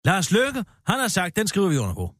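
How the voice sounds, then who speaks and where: A man co-hosting a comedy show, rambling about politics in a mock-pompous, animated way. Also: high-pitched. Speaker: satirical co-host.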